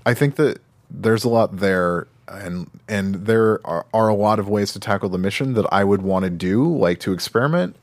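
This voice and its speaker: A man's voice: fairly low pitch, normal speed, dry recording. A man co-hosting a podcast, casually talking over games, filling his speech with "like" and "um". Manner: rambling, many "like" and "um" fillers. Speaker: podcast co-host. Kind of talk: casual game discussion.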